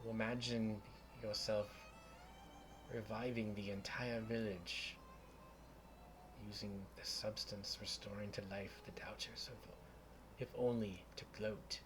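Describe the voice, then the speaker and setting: Guy doing a crackly old hag fortune teller, slow n ominous, cryptic tabletop game crone, bit of music behind. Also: fairly low pitch, steady tone, close to an everyday voice. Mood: cryptic, sympathetic.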